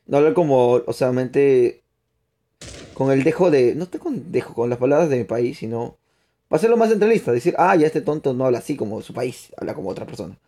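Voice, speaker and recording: Live on stream, a young man plays a game and talks to his audience in a fake Spain Spanish accent. His mellow, mid-range voice is animated and slightly fast. He responds to chat mid-play and wanders through explanations, often starting over.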